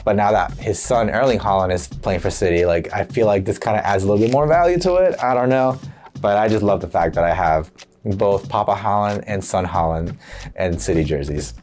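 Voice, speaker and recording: A man showing off his football jersey collection in a casual, upbeat, chatty way, his voice a bit rough from being sick. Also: fairly low pitch, brisk, darkish tone, soft background music. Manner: chatty, upbeat, filler-heavy. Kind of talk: casual show-and-tell.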